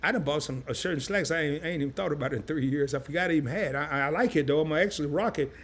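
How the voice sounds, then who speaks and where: Animated chatty man hosting a stream. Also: fairly high pitch, rapid-fire, breathy edge. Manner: animated, chatty, repeats himself; loose casual slang. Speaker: host of a live stream. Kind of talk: casual live-stream finance chat, reading viewer comments.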